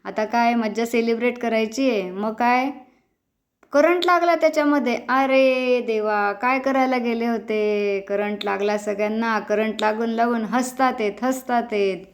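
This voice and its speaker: A woman's voice: fairly high pitch, steady tone, moderate pace. A woman leading a children's laughter yoga session, calling out encouragement with many exclamations and bursts of laughter.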